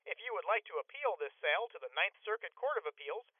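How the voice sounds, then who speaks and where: A man's voice: high voice, very animated, quick pace, narrow, tinny audio, very noisy. A man playing a blandly polite automated government phone menu voice, with formal, stilted prompts in a scripted comedy parody.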